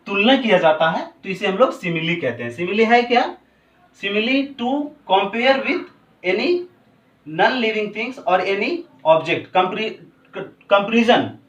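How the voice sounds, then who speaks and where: A male teacher, explaining a poem to a class, who switches between slowly drawn-out English and quicker Hindi. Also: high-pitched, fairly bright tone, recorded from a distance. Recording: roomy, from off the mic.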